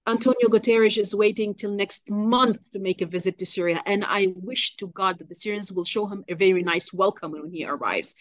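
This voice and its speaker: A woman from Lebanon speaking as a guest journalist in an interview, passionate and halting, with many fillers and restarts. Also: medium pitch, no room sound. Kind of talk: interview on a call.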